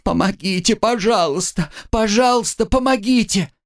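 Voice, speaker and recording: A man's voice: moderate pace, close to an everyday voice. A man voicing a hysterical young woman pleading. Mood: panicked pleading. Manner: hysterical, pleading, high-pitched cries. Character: terrified young woman student, sobbing and pleading.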